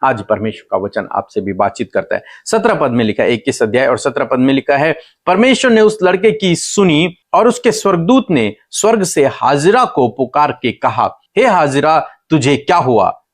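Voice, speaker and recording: A man's voice: very animated, moderate pace, hardly any pauses. A middle-aged male pastor preaching a sermon with impassioned repetition. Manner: impassioned, repeating phrases, pitch leaping up for emphasis.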